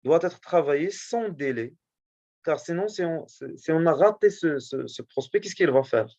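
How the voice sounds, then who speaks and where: A male teacher going over a test in class, speaking haltingly and often checking that his students follow. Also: fairly high pitch, expressive, a little mellow, highs cut off. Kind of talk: classroom lesson correcting a test.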